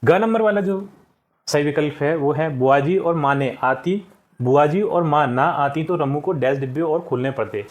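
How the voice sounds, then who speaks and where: A man's voice: fairly high pitch, normal speed. A man teaching a children's class, walking step by step through textbook exercises, patient and repeating each answer. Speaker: school teacher. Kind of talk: explaining a textbook lesson to children.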